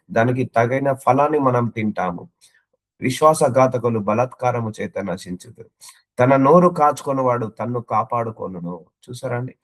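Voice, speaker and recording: A man preaching an earnest sermon, stacking repeated phrases into rhythmic lists and reading out scripture verses. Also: mid-range voice. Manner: earnest, exhorting.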